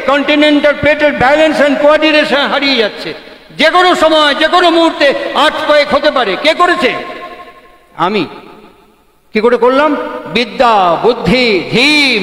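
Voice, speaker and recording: A man with a very high voice gives a spiritual discourse, piling up rhetorical questions and repeating key phrases for emphasis. His voice rings through a large hall with a long, echoing reverb. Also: pushed and bright. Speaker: speaker at a devotional gathering.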